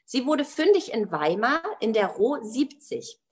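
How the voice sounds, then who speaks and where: A woman's voice: a little high, big pitch swings, measured pace, a little mellow. A woman giving a scripted narration that introduces the next storyteller. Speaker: podcast narrator.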